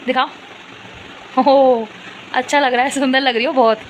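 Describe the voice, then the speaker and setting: A woman's voice: high voice, steady tone, normal speed, slight background noise. A young woman vlogging at home, talking with her small daughter and the viewers, by turns coaxing and scolding. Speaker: vlogger and mother. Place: home, indoors.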